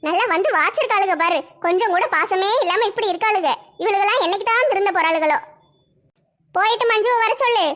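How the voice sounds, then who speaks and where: A scolding cartoon mother, voiced by an actor, with a very high, bright, piping tone. She snaps at her daughters and calls them names, then turns soft and motherly. It is comic cartoon voice acting. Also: a little fast. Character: stern scolding village mother of two girls.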